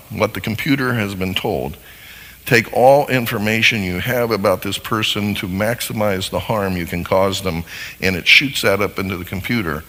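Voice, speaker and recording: A man giving a seminar talk to a live audience, animated and acting out little scenes as he explains. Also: lowish voice, long reverb tail, rough recording. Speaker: marriage seminar speaker.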